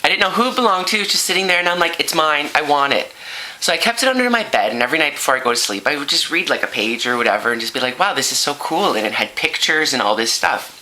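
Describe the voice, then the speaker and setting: Young guy vlogging a funny childhood story, super animated, bright sharp voice. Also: on the high side, rapid-fire, hardly any pauses, rough recording. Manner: animated, dramatic, self-mocking. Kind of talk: comedic storytelling.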